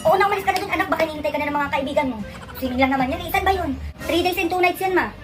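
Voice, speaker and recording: Pinay na nang-aasar sa comedy skit, matinis, may tugtog sa likod. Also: female voice, very high voice, rapid-fire. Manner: animated, teasing comic delivery. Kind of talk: comic skit acting, mother and child roles. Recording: music playing behind.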